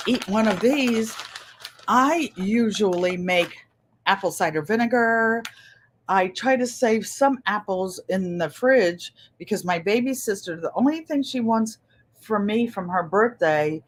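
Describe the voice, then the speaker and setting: An older woman hosts a craft livestream in a casual, chatty way. She reads viewer comments aloud and laughs easily as she talks, with a voice of ordinary middle pitch for a woman. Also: takes it slowly, slight background noise. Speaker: craft channel host on a livestream.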